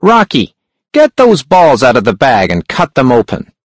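A man voicing a male hunchback crime boss in a storybook reading, with a sharp, high voice and a smooth, controlling manner. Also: huge pitch swings, moderate pace, dry recording. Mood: commanding. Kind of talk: audiobook character voice.

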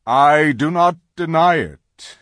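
A reader voicing a great, solemn lion who speaks gravely and slowly. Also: mid-range voice, lively intonation, a bit bright, no echo, clean studio sound, voice pushed up. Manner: grave and slow.

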